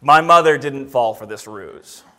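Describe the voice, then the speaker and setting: Preacher at a pulpit microphone. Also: male voice, mid-range voice, lively intonation, a little slow, sharp tone. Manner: earnest, storytelling, rising energy in anecdotes. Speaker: guest preacher. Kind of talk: sermon with prayer. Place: church sanctuary.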